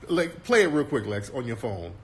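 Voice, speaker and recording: A man's voice: medium pitch, very animated, measured pace, slight background noise. A man hosting a casual commentary talk in a brash, mocking and profane way. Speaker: host.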